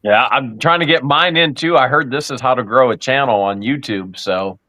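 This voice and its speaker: A middle-aged man with a bright, forceful voice at a mid pitch. He chats casually and makes wry jokes. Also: normal speed, low-quality recording. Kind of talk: casual chat.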